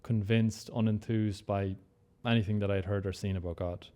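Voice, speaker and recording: A man's voice: fairly low pitch, steady tone, moderate pace, mellow. A man from Galway with a west of Ireland accent, talking casually as an interview guest.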